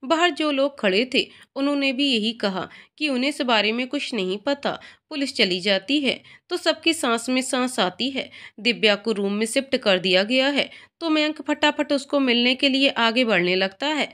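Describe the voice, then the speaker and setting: A woman narrating an emotional family story in a steady, even storytelling manner. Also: high voice, normal speed, hardly any pauses.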